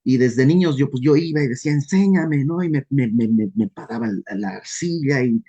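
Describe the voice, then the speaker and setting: Mellow Mexican man teaching Bible. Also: mid-range voice, moderate pace. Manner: lively, conversational, self-deprecating humor; acts out questions in quoted voices. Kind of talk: verse-by-verse Bible study.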